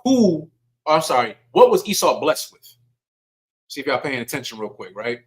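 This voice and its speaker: Casual preaching man, fairly high voice. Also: big pitch swings, moderate pace, rough recording. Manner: conversational, asks the audience questions; informal speech with dialect words like y'all. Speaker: teacher at a religious service. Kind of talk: sermon teaching with scripture reading.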